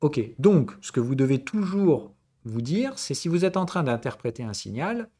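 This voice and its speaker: A man's voice: a little high, big pitch swings, moderate pace, warm tone. A man from southern France teaching a live trading lesson. He talks casually and keeps checking in with "okay?" and "right?" as he explains. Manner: conversational tutoring, mixing formal and familiar address. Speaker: trading instructor and stream host. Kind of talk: live-streamed trading lesson, answering chat.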